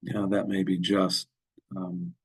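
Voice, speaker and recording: A man giving a workshop over a video call, answering questions with halting speech and frequent fillers. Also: low voice, monotone, gravelly, breathy edge. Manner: halting, many fillers and restarts. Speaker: workshop presenter. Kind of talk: webinar Q&A.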